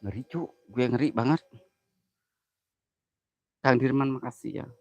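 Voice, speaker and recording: A man's voice: medium pitch, unhurried, dry recording, dull audio. A man streaming live, chatting casually, thanking viewers by name, joking about being scared and crooning his words. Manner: jokey, easily spooked, drawls and croons phrases. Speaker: live-streaming content creator.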